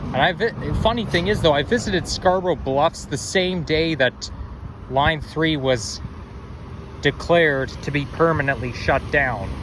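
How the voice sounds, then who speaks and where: Faint passing traffic accompanies a young man from Toronto who vlogs walking tours and narrates his street walk outdoors in a casual way. His voice is a little high, strong, and slightly growly, with a touch of hoarseness like a frog in his throat. At a measured pace, he rambles, thinks out loud, and keeps correcting himself.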